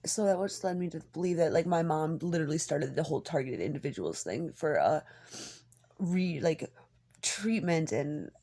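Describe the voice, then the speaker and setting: Low, husky, gravelly woman talking haltingly. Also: expressive, mellow. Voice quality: husky, gravelly, often breaking into a whisper. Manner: halting, hesitant, candid, swearing. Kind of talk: rambling personal monologue, casual confessional talk.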